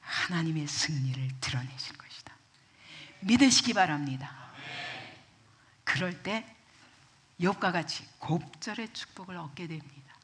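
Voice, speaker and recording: A woman pastor preaching a sermon at a church retreat. She acts out the quoted voices and swings from loud outbursts to hushed whispers. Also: lowish voice, animated, measured pace, long pauses, a little hiss or hum.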